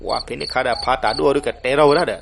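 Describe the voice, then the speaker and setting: A man narrating a folk legend, animated and switching voices for the characters. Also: mid-range voice, rapid-fire, creaky. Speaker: storyteller. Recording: noisy recording with crickets behind.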